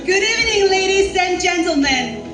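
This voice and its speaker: A woman's voice: very high-pitched, animated, normal speed. A woman in her twenties from Nagaland giving a formal, proud pageant introduction. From Nagaland, India. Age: 20s. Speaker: pageant contestant. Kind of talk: rehearsed stage introduction. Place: large hall stage. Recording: very echoey hall, distant mic, music behind.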